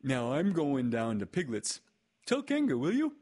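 Male reader as naive storybook bear, husky, lively up-and-down melody, cheerful, muddled and eager. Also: mid-range voice, a little slow, voice pushed up, exaggerated voice. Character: Pooh, naive cheerful simple-minded toy bear.

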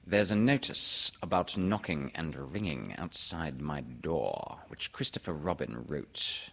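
A pompous owl from a storybook, acted out by a man, in a very low, husky voice. He speaks slowly and deliberately, full of self-importance, with a gravelly creak. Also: lively intonation, fairly bright tone, heavily acted. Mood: anxious, self-important. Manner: drawn-out, deliberate, pompous delivery. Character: Owl, pompous, self-important male bird, a little anxious. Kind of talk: storybook character voice in a read-aloud.

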